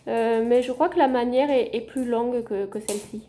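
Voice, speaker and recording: A chatty woman with a slightly high voice talks through a casual home vlog. She points things out to the viewers as she goes, relaxed and conversational, at home by a window. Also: moderate pace, slight background noise. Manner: chatty, shows her plants to viewers. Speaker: gardening vlogger.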